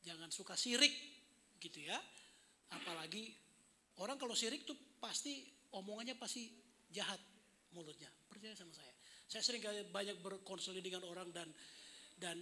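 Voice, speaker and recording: A man's voice: high-pitched, normal speed, pauses often, sharp tone, slight background noise. A man in his fifties preaching a thanksgiving sermon in a chatty, joking way, often calling out to the congregation. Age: 50s. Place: indoor service hall.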